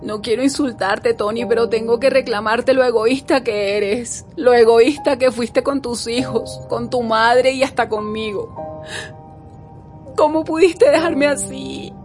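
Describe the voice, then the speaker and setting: An actress playing a grieving widow, speaking in a heartbroken, tearful way. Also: female voice, a little high, a little slow, music in the background, close to an everyday voice. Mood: anguished. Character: grieving widow, middle-aged woman. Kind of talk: dramatic acting.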